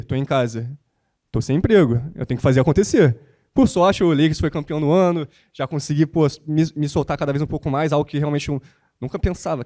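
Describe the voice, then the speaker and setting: A young man from Rio de Janeiro, speaking as a guest on a panel and talking in an animated, motivational, slangy way. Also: a little high. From born in the United States, raised in Rio de Janeiro. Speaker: guest, basketball content creator. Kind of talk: panel talk on stage.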